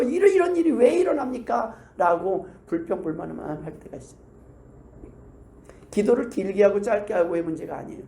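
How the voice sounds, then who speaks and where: A male pastor preaches in a high voice, talking with the congregation through rhetorical questions. He acts out prayers and replies in shifting voices. The sound is roomy, with the echo of a church sanctuary. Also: a little mellow. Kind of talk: sermon.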